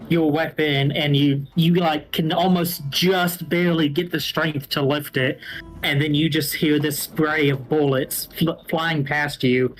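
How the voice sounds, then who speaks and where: A man narrating a tabletop role-playing game as game master, in a casual, halting way. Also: fairly high pitch, poor audio. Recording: faint music behind the voice. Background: music.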